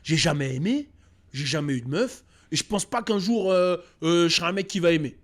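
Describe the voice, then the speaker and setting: A man host telling a personal story in a casual, animated, slangy way, with many restarts and repeats. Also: fairly high pitch, brisk.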